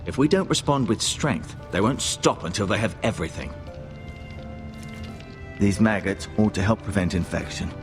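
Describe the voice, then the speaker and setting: An actor playing a solemn older male maester and healer in a video game, speaking in a measured, advising way. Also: lowish voice, lightly acted. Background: game music.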